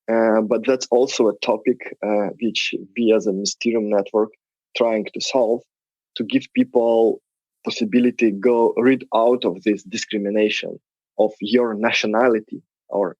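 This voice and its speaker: Guy with lithuanian accent, kinda low voice, non-native english, explaining stuff in an interview, dry but slightly muffled sound. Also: fairly even intonation, measured pace, darkish tone, breathy edge, no room sound. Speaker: podcast guest, tech project representative.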